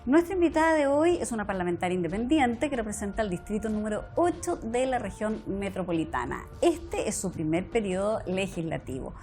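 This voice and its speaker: A woman's voice: medium pitch, lively intonation, a little fast, hardly any pauses, a little mellow, soft background music. A woman hosting an institutional interview show, introducing her guest and asking questions with lots of affirming replies. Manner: affirming, with frequent backchannel "claro". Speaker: interviewer, host. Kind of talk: broadcast interview.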